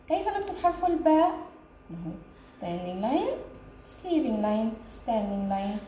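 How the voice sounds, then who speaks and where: A woman teaching a distance-learning Arabic lesson to young children, in slow, sing-song teacher talk with lots of praise and English words mixed in. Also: high voice, warm tone, a little hiss or hum. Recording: very echoey room with faint ambience.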